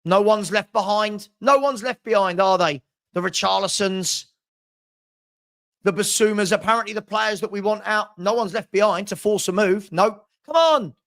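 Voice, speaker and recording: A fan-channel host is in a full angry rant, his high, creaky, slightly bright voice fairly even in intonation at a moderate pace. Exasperated and emphatic, he hammers phrases through repetition and slides into sarcastic mimicry of people he disagrees with.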